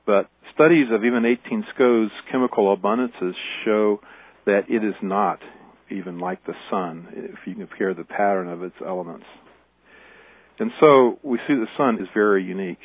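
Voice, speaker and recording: Low-voiced man on a thin, phone-like recording. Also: moderate pace, dry recording. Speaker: expert interviewee, scientist. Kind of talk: explanatory science interview. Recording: dry, narrow phone-like radio sound.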